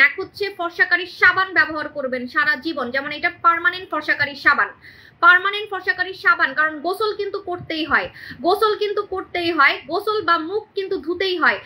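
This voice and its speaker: A young woman hosts a live-stream sales pitch from home on her phone, repeating her points emphatically and checking in with "right?". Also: pushed and bright. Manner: emphatic and repetitive, keeps asking "right?". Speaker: online shop host selling beauty products. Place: indoors in a room at home. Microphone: phone camera on a live stream.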